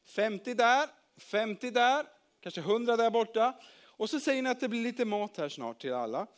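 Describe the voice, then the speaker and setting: A man voicing Jesus in a children's Bible story, speaking calmly and kindly. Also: extremely high pitch. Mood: gentle. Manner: calm and kind. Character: Jesus, calm gentle male teacher.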